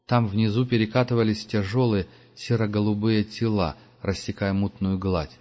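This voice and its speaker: A man narrating an audiobook in a measured, steady storytelling manner. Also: on the low side. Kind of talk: scripted narration. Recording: dull lo-fi audiobook recording.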